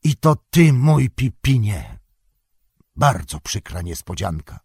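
A stern, commanding old wizard, as a man reading the story puts him on. He speaks low and slowly, with hard, forceful bursts. The sound is dry and close, with no room around it. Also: sing-song, gravelly, breathy edge, no echo, exaggerated voice.

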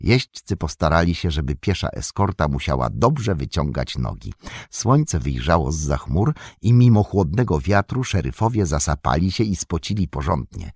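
A man narrating an audiobook in a steady, expressive storytelling manner. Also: low voice, moderate pace, breathy edge, no room sound. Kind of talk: scripted narration.

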